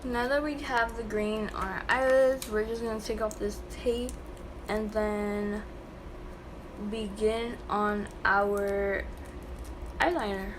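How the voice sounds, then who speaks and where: A woman's voice: mid-range voice, fairly even intonation, slow. Young woman with a tongue-piercing lisp. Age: young adult. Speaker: makeup vlogger. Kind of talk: casual chatty makeup tutorial. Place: small bedroom at home, indoors. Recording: clearly noisy home room recording.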